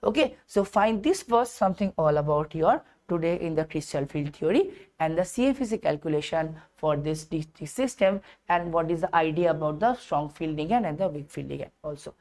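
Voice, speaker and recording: A woman's voice: low-pitched, lively intonation, fairly quick, few pauses, a little mellow. A woman with an Indian accent giving an instructional chemistry lesson, mixing Hindi phrases into English and repeating phrases and rhetorical questions for emphasis. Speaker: chemistry teacher.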